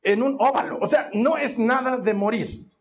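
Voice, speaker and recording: A man's voice: very high voice, moderate pace. A man preaching a sermon, telling a family story and acting out every voice in it. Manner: animated storytelling, acts out voices.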